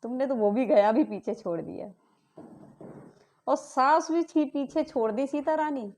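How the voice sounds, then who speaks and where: Indignant high-voiced woman ranting. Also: measured pace, darkish tone. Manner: indignant, accusing, repeated rhetorical questions. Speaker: vlogger. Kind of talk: angry family-dispute rant to camera.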